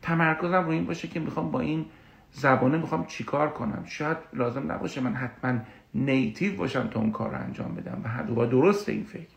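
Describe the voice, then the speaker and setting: A man working as a coach gives an explanatory talk on confidence, animated and full of personal examples. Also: fairly high pitch, gravelly. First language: Persian. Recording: echoey room.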